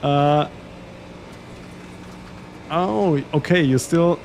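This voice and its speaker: A man's voice: on the high side, drawn-out words, gravelly, a little mellow, slight background noise. A man from Austria with an Austrian German accent, a German native speaker, chatting casually with viewers as a sim racing streamer and chuckling often. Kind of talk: casual live-stream chat.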